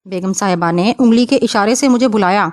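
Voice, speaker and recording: A woman narrating a novel as an audiobook, with a steady storytelling delivery. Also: mid-range voice, no echo, studio quality.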